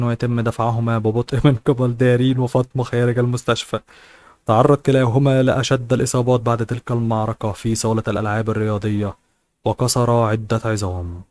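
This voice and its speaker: Fast, flat-voiced male audiobook narrator. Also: mid-range voice. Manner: steady, flat reading with occasional restarts. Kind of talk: novel reading.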